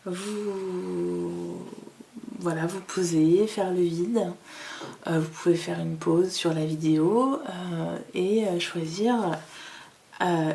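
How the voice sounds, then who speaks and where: A woman talks through a tarot reading slowly, pausing often on fillers as she lays out her cards. Her voice sits a little low, with a gravelly edge. A faint hiss runs under the recording. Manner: hesitant, many fillers, calm and soft-spoken. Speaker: tarot reader. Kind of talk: slow casual card-reading guidance.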